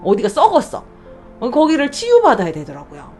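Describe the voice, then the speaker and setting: A woman's voice: sits high, wildly swooping pitch, a little fast, darkish tone, faint music behind. A woman deaconess sharing a faith testimony on her podcast, earnest and speaking directly to listeners. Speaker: church deaconess, podcast host.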